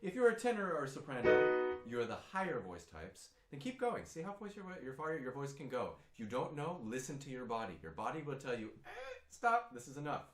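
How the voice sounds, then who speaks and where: A male singing teacher and German native speaker talks a learner through warmups in a lively, up-and-down voice, patient and encouraging. The room is roomy, and a guitar sits faintly behind him. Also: medium pitch, fairly quick. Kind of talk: online voice lesson with warmups.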